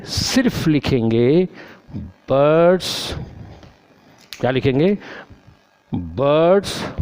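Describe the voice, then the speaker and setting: A man teaching grammar, speaking slowly and carefully. His pitch swings widely and sits a little high. He repeats himself and asks his class questions before answering them. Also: darkish tone. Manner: slow, repetitive, drills questions and answers aloud. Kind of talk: explanatory lesson in Hindi with English terms.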